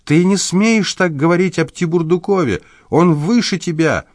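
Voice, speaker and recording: A man's voice: mid-range voice, big pitch swings, a little slow, dry recording, studio quality, pitched above the performer's own voice. A man voicing a cold, impatient wife in an audiobook, speaking in a curt, dismissive way. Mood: shrill. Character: cold, impatient wife leaving her husband.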